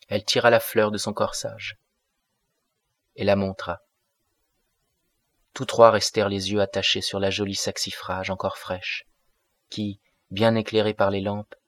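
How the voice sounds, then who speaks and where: A man narrating a classic novel as an audiobook, in a measured, even way. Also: lowish voice, no echo.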